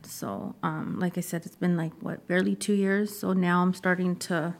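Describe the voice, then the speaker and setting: Young woman with a gravelly voice. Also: fairly low pitch, steady tone, normal speed. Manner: casual, trailing sentences with many fillers. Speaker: guest, social media creator. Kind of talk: casual interview chat.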